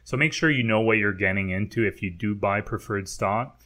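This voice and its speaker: A man's voice: lowish voice, moderate pace, fairly bright tone. A man with a French Canadian accent, co-hosting an investing podcast and explaining things in a casual, chatty way with fillers and restarts. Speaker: podcast co-host.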